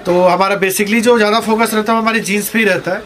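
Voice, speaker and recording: Fast-talking, high-voiced male shop owner. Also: steady tone, fairly bright tone. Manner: rapid listing of prices and sizes. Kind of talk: sales pitch showing products. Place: garment shop.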